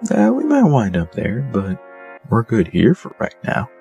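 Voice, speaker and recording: An actor playing an eager young boyfriend who speaks low and coaxing in an audio drama. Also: male voice, wildly swooping pitch, measured pace, vocal fry, mellow, dull audio, faint music behind, full character voice.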